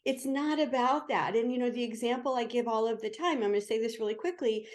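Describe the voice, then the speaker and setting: Encouraging higher-voiced woman host. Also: fast talker. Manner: encouraging and reassuring. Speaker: show host. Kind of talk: hosted interview show.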